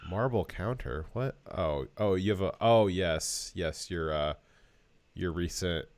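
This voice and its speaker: Deep-voiced man hosting a livestream. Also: measured pace, no room sound. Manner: relaxed, cooing over animal pictures. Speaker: podcast co-host. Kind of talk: casual livestream chat.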